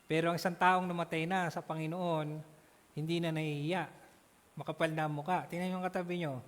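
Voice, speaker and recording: Casting: man with a high voice, animated church Bible class teacher, long hall echo. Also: a little fast. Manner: animated, keeps checking in with the class.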